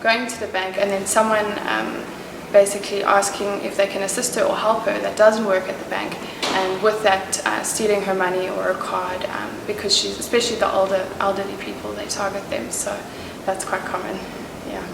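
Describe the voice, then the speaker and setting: A woman's voice: mid-range voice, little pitch movement, moderate pace, creaky. A young woman with a South African accent, speaking casually and informatively in an interview. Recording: very echoey room, distant mic, noisy.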